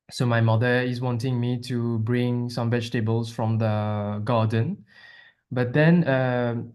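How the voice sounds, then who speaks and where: A man's voice: mid-range voice, mellow. A man from Mauritius with a Mauritian accent and Creole as his native language, speaking earnestly as a panelist. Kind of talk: panel introduction and explanation.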